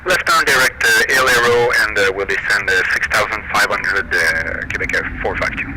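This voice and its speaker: Man on a cockpit headset radio, noisy. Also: on the low side. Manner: halting, many "uh" fillers between radio phrases. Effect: pilot heard over a cockpit headset radio link. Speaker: pilot player on a flight sim network. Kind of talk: clipped aviation radio calls. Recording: noisy, distant radio feed.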